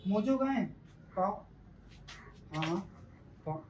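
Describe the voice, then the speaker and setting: High-pitched guy chiming in on a pet vlog, loud crowd noise behind, outdoor video. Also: expressive, a little slow. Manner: agreeable, echoes the host. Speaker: co-host friend. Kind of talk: casual vlog chat.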